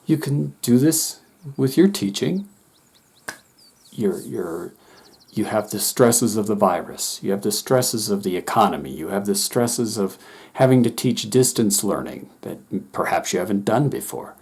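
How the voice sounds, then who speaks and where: Calm husky-voiced man teaching. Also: medium pitch. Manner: calm, steady, gently reassuring. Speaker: teacher and former wilderness instructor. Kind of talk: calm instructional talk to teachers.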